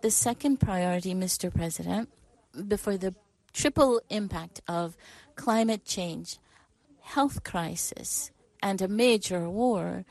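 A woman working as a live interpreter, rendering a formal address as it is spoken. She talks slowly and unhurriedly, with pauses, fillers and small restarts, at a middle pitch for a woman. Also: creaky, a little mellow, dry recording. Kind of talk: live simultaneous interpretation of a speech.

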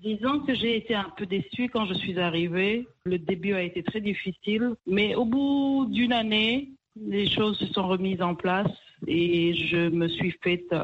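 A woman from Congo, a guest on a radio interview, talking calmly and candidly with some stumbling restarts. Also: medium pitch, a little slow, slightly rough. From Democratic Republic of the Congo. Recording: dull remote line with faint noise.

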